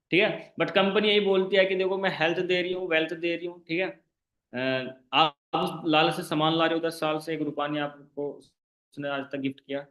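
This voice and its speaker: A man runs an online class as a sales trainer, pressing his listeners with rhetorical questions and checking again and again that they follow. His voice sits a little high. The sound is roomy and echoey, like an online call from a bare room. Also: fairly bright tone, highs cut off. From India. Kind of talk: persuasive sales pitch.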